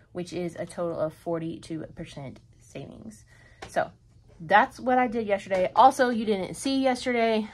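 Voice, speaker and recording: A woman's voice: mid-range voice, a little hiss or hum. A woman in a casual shopping haul vlog, chatting through her purchases and adding up prices and savings. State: out of breath. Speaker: vlogger.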